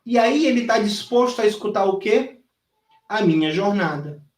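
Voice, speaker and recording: A man's voice: high-pitched, lively intonation, normal speed, reverberant. A man giving an intense, emphatic live-stream lesson, swearing freely as a former gym trainer turned sales mentor. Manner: intense and emphatic, swears freely, acts out his own past coaching. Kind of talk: live-streamed teaching talk. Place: home during a live stream.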